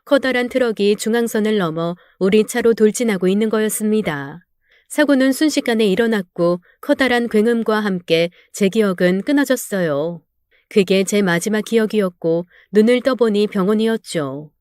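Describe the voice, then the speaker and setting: A woman's voice: medium pitch, moderate pace, a little mellow, clean tone, no room sound, clean studio sound. A woman narrating a real-life story in the first person, with an emotional, dramatic delivery.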